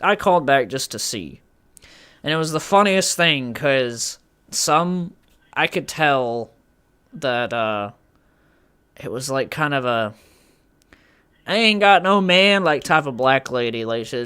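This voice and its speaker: A man's voice: mid-range voice, bright, forceful tone, clean tone. A young man co-hosting a podcast, telling a story in rambling casual chat with lots of restarts. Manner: rambling, full of fillers and restarts. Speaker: podcast co-host.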